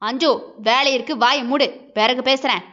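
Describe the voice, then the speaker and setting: A woman's voice: sits high, normal speed, sharp tone. A woman voicing an angry, controlling husband who talks harshly and dismissively, in a dull lo-fi recording. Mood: scolding.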